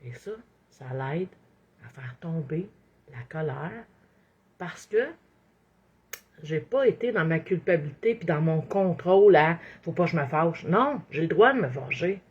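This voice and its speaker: A woman with a Québécois accent talks through everyday advice in a loose, expressive monologue, voicing her own inner thoughts as she goes. Her voice sits a little low and carries a husky, breathy edge. The sound is muffled and slightly lo-fi. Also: a little slow, pauses often. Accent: Québécois French. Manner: expressive, acts out inner thoughts, frequent "hein". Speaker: inspirational speaker. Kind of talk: casual motivational monologue.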